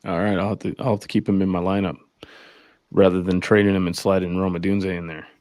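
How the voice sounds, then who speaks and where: A man's voice: low-pitched, little pitch movement, fast talker, darkish tone, no room sound. A man hosting a casual sports podcast chat, rambling and jokey as he leads the rundown. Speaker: podcast host. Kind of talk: casual fantasy football chat.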